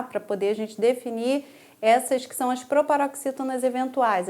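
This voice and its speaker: High-voiced Brazilian woman teaching grammar. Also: a little mellow. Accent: Brazilian Portuguese. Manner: explanatory, with frequent tag questions. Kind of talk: exam-prep grammar lesson.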